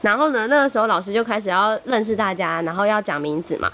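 Quick-talking young woman telling stories. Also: medium pitch, fairly bright tone. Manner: storytelling, wry and chatty. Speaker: podcast guest. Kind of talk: casual chat.

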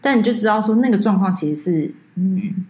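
A woman talks quickly on a casual podcast. She tells stories with lots of energy and acts out the voices of the people she quotes. Her voice sits at a mid pitch and is recorded in a roomy, echoey space. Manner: animated storyteller, acts out quoted voices with big pitch jumps. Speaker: podcast co-host. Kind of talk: casual chat. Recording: echoey room.

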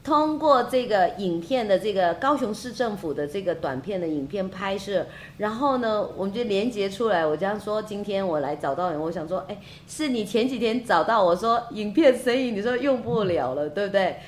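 A woman hosting a podcast interview, talking in a halting way and repeating words while she looks for them. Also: medium pitch, lively intonation, a little hiss or hum. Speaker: podcast host. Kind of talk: casual interview chat.

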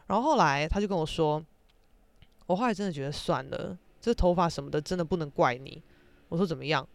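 A woman's voice: deep voice, fairly quick, no room sound. A young woman with a Taiwanese Mandarin accent, hosting a podcast and ranting animatedly in casual storytelling, with some casual swearing. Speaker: podcast host.

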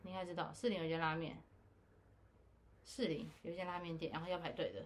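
A woman's voice: lowish voice, fairly even intonation, fast talker, a little hiss or hum. Laughing woman podcast co-host. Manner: teasing, laughs often while teaching words. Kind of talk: casual chat.

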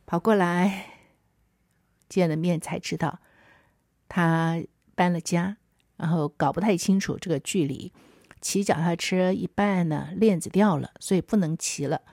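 A woman podcast host, telling a story in an earnest, reflective way with soft trailing asides. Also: lowish voice, a little slow, no room sound, studio quality. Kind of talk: storytelling monologue.

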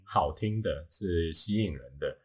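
A husky male podcast host with a Taiwanese Mandarin accent and a slightly low pitch. He explains things in a casual, teacherly way, often hedging and repeating a phrase as he works toward his point. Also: unhurried.

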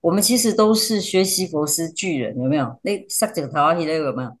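A woman teacher, a podcast guest, chatting casually and telling animated stories. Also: sits low, a little fast. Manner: animated storyteller, acts out quotes.

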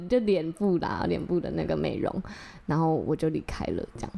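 A woman, telling a personal story as a podcast co-host in casual, animated chat. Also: deep voice, fairly quick, creaky. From Taiwan. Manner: animated storyteller, gushing with enthusiasm.

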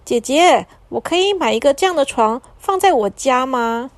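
A woman's voice: sits high, animated, normal speed, dry recording. A woman voicing a sweet, curious little girl in a bedtime story, with a childlike sing-song manner.

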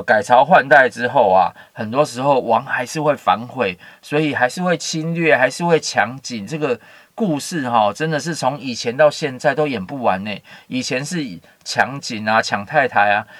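A man's voice: mid-range voice, no echo. A man giving a casual Bible teaching, reading scripture and adding chatty asides with many fillers. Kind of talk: casual Bible story commentary.

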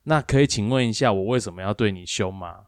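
A man, co-hosting a talk show and telling a workplace story in a lively, animated way, acting out both sides of an argument. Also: on the low side, fast talker, no room sound, clean studio sound. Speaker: co-host of a speaking-skills livestream. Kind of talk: casual storytelling chat.

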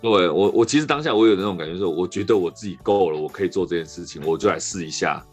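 A man with a Taiwanese Mandarin accent hosting a podcast, telling a rambling, animated story in casual chat. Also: low-pitched, fast talker, husky, faint music behind. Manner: rambling, animated anecdote with restarts. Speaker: podcast host.

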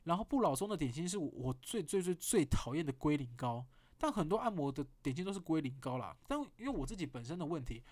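A man with a Taiwanese Mandarin accent hosting a podcast, telling a story in a casual monologue with animated delivery and blunt swearing. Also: fairly high pitch, fast. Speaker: podcast host.

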